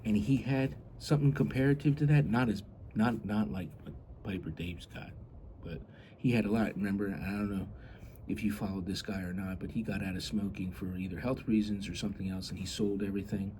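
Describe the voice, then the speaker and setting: A man's voice: fairly low pitch, fairly even intonation, fairly quick, warm tone, slight background noise. A man chatting casually and rambling as a hobby vlogger, blunt and grumbling, with some mild swearing.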